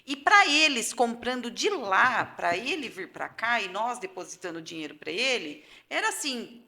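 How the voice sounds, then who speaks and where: A woman's voice: on the high side, very animated, normal speed, bright, forceful tone. A middle-aged Brazilian woman, the seminarian's mother, speaking heartfelt and emphatic on a podcast, close to tears. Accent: Brazilian Portuguese. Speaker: guest mother. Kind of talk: emotional personal testimony.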